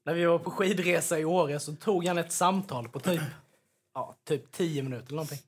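A man's voice: fairly high pitch, slightly rough. A man with a strong, rural-sounding dialect, co-hosting a podcast and telling stories in casual chat. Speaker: podcast co-host.

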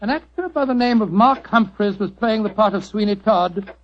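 A man's voice: sits high, moderate pace, close to an everyday voice. A man playing a genial, easily astonished doctor with an English accent, fussy and bluff, in old radio narration and drama. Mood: storytelling. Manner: fussy, bluff, exclamatory storyteller. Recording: noisy, dull vintage radio recording.

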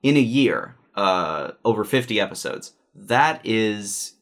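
A man's voice: on the low side, sing-song, slow, creaky, fairly bright tone. A man co-hosting a podcast from a room in his house, talking casually with many restarts and a dry, sarcastic humor. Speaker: podcast co-host. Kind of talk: casual chat.

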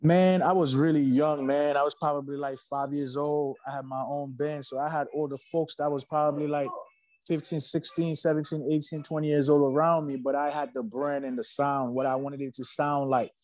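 A man's voice: a little high, little pitch movement, normal speed, a little mellow, low-quality recording. A man from Haiti, a musician guest, talking casually in an interview, laid-back and slangy, often repeating himself.

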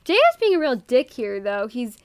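A woman's voice: on the high side, sing-song, moderate pace, clear, resonant tone, no echo, studio quality. A young woman co-hosting a casual book-discussion podcast, laughing often and reading passages aloud. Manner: giggly, reads quoted passages aloud. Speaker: podcast co-host.

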